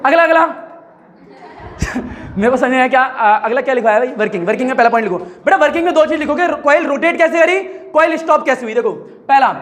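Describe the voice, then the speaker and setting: A man's voice: very high voice, a bit bright, slight background noise. A man teaching a physics class, dictating notes and prompting students to repeat key words.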